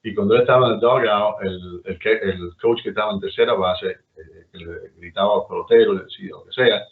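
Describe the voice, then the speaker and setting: With a lowish voice and a brisk pace, a middle-aged guest from Cuba tells stories in his Cuban accent. His casual chat rambles and restarts often. The audio has a tinny, phone-like quality.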